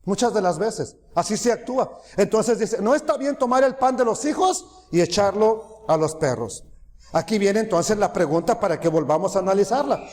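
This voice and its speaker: Male preacher, lively sermon delivery, higher voice, reverberant church hall. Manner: animated, rising to loud cries when quoting, dropping low for asides.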